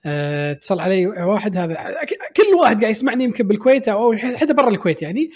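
A young man with a Kuwaiti Arabic accent chats on a podcast, retelling a story with joking asides. His voice is high, and he talks very fast. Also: very animated, slightly rough. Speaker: podcast co-host. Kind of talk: casual chat.

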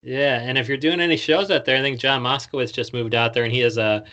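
A man's voice: mid-range voice, fairly even intonation, fast, pushed and bright. A man hosting a casual interview podcast, talking in slangy, swear-filled, run-on questions. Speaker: podcast host.

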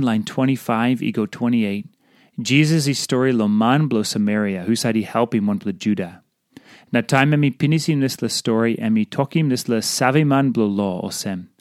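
A man with a Papua New Guinean accent reading a scripted audio devotional, delivering it deliberately in short phrases. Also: medium pitch, no room sound, clean studio sound. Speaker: devotional reader.

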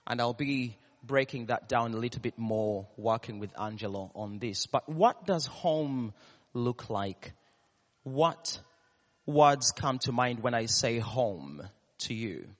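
Preaching at a live church service, this man has a Ugandan, East African accent and an animated, mid-range voice. The large room is reverberant, giving the recording a long, echoey tail. He speaks slowly and with deliberation, leaning on pauses and repeated key words while putting questions to the congregation.

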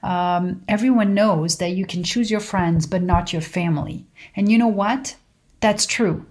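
A woman giving a motivational spiritual talk in a serene, guru-like manner, pausing deliberately between short phrases as she addresses her listeners. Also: mid-range voice, darkish tone. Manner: addresses listeners directly as friends. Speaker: host sharing personal reflections.

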